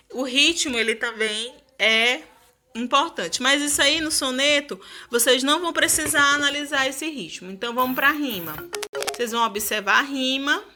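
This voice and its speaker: Woman teacher doing a lesson video, kinda high bright voice, keeps asking the class questions. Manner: didactic, rhetorical questions to students. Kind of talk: explanatory lesson.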